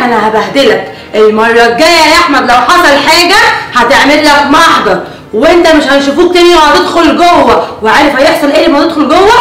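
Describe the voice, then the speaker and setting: Actress as a lecturing Egyptian older sister; brisk, high, echoey room. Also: female voice, a bit bright. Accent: Egyptian Arabic. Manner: nagging, lecturing. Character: young woman scolding her brother. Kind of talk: family web drama acting.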